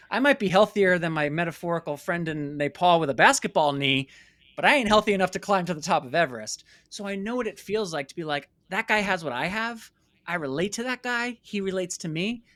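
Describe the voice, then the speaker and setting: Here an American documentary filmmaker, guesting in an interview, tells reflective personal stories earnestly and emphatically, leaning on repeated words. His high, slightly bright voice moves fairly quickly with lively intonation, and the recording has no room sound.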